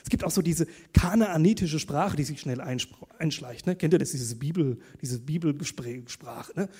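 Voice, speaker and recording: A man delivers a sermon in a relaxed, conversational way and tells stories as he goes. His voice sits high for a man and has a husky, slightly breathy grain. He often tags his sentences with quick questions to the listeners. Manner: conversational, animated storytelling with tag questions. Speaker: preacher.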